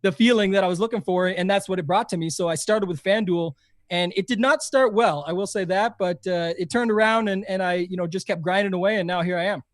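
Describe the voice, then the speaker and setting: Here a fantasy golf podcaster is being interviewed casually, a young man with a Canadian accent whose high-pitched voice moves fairly quickly. He's keen and meandering, often restarting and using fillers, and the clean studio sound has no room sound.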